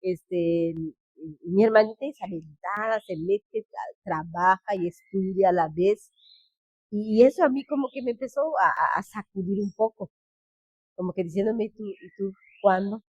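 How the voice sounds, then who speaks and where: A woman pastor with a Yucatán Mexican Spanish accent gives a personal testimony in an earnest, halting way, restarting phrases and quoting others. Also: medium pitch, darkish tone, dry recording, dull audio. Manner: earnest, halting, with frequent restarts and quoted speech. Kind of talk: personal testimony, spoken storytelling.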